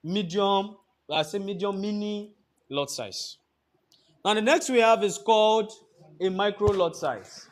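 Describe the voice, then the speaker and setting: A man's voice: high voice, measured pace. A man teaching a trading class, lecturing in a classroom and constantly quizzing students with fill-in-the-blank questions. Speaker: trading instructor.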